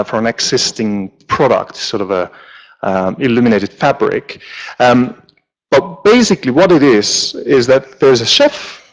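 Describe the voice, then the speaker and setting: A man speaks from a stage in a large auditorium, his pitch in an ordinary middle range. He presents like a lighting designer at a conference, easygoing and joking, with plenty of ums and restarts. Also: low-quality recording. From Finland. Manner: relaxed, joking, with frequent fillers.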